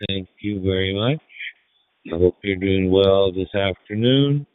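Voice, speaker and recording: A man giving call signs in a slow, measured, formal way as an amateur radio operator, heard over ham radio with static. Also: deep voice, no echo. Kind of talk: radio contact exchange. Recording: narrow phone-like radio audio.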